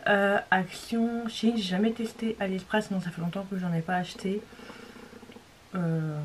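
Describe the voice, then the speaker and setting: A young woman chats through a beauty tutorial at an ordinary, mid-range pitch. She rambles with plenty of fillers and now and then slips into a whisper. A faint hiss of noise sits under the recording. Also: fairly even intonation, a little slow. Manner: chatty and rambling, many fillers, drops to a whisper at times. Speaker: beauty vlogger. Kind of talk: casual makeup tutorial chat.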